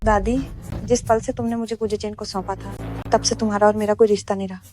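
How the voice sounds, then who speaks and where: A woman acting as a wronged young woman who stays firm despite her hurt. Music plays clearly behind her in this dubbed drama. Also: medium pitch, flat delivery, quick pace, close to an everyday voice. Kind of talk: Hindi dub of a drama series.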